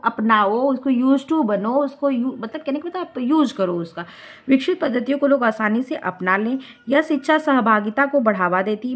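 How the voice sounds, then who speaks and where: Hindi-speaking woman teacher, lively rhetorical lecture. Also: on the high side. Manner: mixes English terms into explanations, asks rhetorical questions. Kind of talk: classroom lecture explaining notes.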